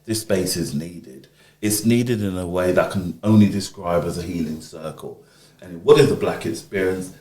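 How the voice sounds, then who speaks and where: This interviewee, a community organiser from the UK in his fifties, speaks in a deep voice at normal speed. He tells conversational stories animatedly, acting out quoted speech, recorded in an echoey room.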